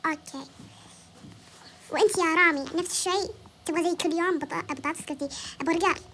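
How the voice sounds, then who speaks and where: A girl playing a busy mother, quick and offhand. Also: very high-pitched, sharp tone. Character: busy mother of three, patient. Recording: noisy home recording.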